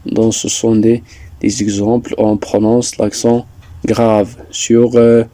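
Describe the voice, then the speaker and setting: A man teaching a French lesson, explaining slowly and deliberately, repeating points with some hesitations. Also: fairly low pitch, flat delivery, dark tone, no room sound. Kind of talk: slow classroom explanation.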